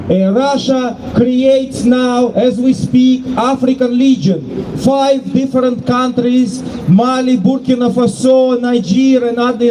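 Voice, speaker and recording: A man speaking at an outdoor street rally as its organizer, impassioned and rapid, with halting restarts. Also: very high-pitched, mellow, slight background noise, poor audio. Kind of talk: public protest speech.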